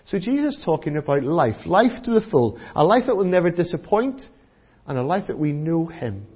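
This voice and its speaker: A British man with a slightly high, husky voice preaches to children like a kids' presenter. He explains things simply and keeps checking in with questions. The recording is a little dull and muffled. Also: sing-song, moderate pace. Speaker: preacher giving a children's talk. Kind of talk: sermon for children. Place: church.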